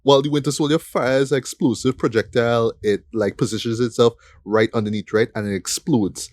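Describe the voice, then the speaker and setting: A man's voice: medium pitch, fairly even intonation, a little fast. A man co-hosting a film review podcast, talking enthusiastically and tagging his points with "right?". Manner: enthusiastic, frequent "right?" tag questions. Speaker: podcast co-host. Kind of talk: casual film review chat.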